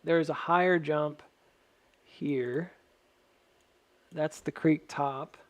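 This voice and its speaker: A man with a whistle on his s sounds gives casual, technical chart commentary, thinking aloud in a measured, cautious way. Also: fairly high pitch, steady tone. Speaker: stock chart analyst addressing viewers.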